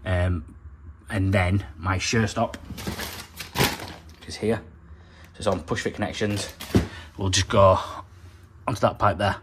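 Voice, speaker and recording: Chatty plumber vlogging. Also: male voice, low-pitched, steady tone, a little slow, long pauses, very noisy. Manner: chatty, practical, explains step by step. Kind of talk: casual vlog narration. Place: factory floor, then a house kitchen.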